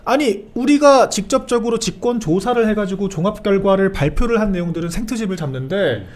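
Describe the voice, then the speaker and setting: A man's voice: sits high, expressive, a little fast. A man on a political panel show, speaking indignantly and firing off rhetorical questions. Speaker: political commentator on a live show. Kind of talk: heated panel discussion.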